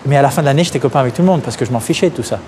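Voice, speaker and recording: A man's voice: mid-range voice, racing, a little mellow, slight background noise. A man from Algeria answering interview questions openly, hesitating often with fillers and restarts. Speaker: interview guest, activist. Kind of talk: candid interview.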